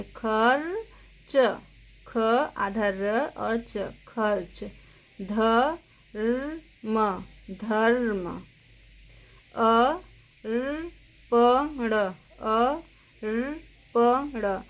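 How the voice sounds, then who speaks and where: A woman teaching young children a grammar lesson, speaking patiently and spelling out words sound by sound. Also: on the high side. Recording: dull lo-fi sound.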